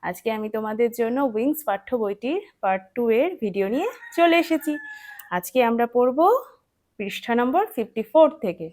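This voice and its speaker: A woman teaching a children's English lesson, patient and clear, asking questions and answering them herself and spelling words out letter by letter. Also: a little high, lively intonation, fairly quick, a little mellow. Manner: patient, asks and answers her own questions.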